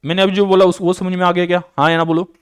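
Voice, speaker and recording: In a clean studio recording with no room sound, a man whose voice sits high, with a clean tone and little pitch movement, lectures online on accounting and blends in English terms. He often checks that students follow by asking "बराबर?" and "clear?", repeats key points, and slows to dictate journal entries.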